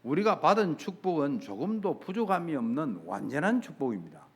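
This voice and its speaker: A middle-aged man with a Gyeongsang Korean accent, a pastor preaching a sermon, emphatic and swinging between soft and loud, acting out bits of dialogue. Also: on the high side, sing-song, brisk, husky.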